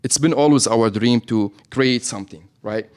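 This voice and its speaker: A man with a Lebanese accent and a mid-range, slightly mellow voice speaks at normal speed. He is a business owner appearing as a guest on a radio interview, explaining things and often checking in with "right?".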